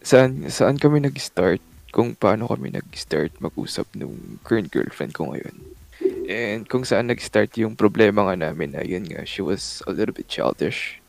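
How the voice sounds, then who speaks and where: A twenty-year-old man from California, calling in to chat casually, speaking softly and mixing English and Filipino. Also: on the low side, animated, measured pace, vocal fry. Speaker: caller.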